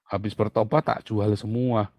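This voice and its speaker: A man preaching a sermon, telling family stories in an animated, chatty way with laughs and asides. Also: fairly low pitch, normal speed, dry recording, studio quality. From Indonesia.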